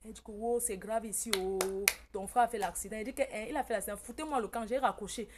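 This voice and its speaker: A woman's voice: a little high, fast talker, background noise. A woman from Cameroon, telling a personal story in a casual monologue to camera and quoting her relatives emphatically. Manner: emphatic, tells the story by quoting family members, often breaks into laughter. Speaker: vlogger.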